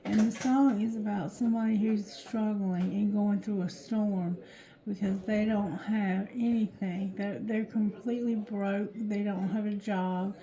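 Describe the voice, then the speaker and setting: Slow, drowsy woman with thick-tongued speech. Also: mid-range voice, steady tone, mellow, poor audio. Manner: slow, halting, repeats phrases. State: tired, drowsy. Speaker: tarot reader. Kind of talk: intuitive card reading, casual monologue.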